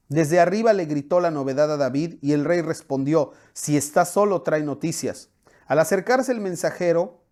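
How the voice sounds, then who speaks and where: Mexican pastor with a higher voice. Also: male voice. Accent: Mexican Spanish. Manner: expressive reading, spoken fillers when explaining. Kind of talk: sermon with Bible reading.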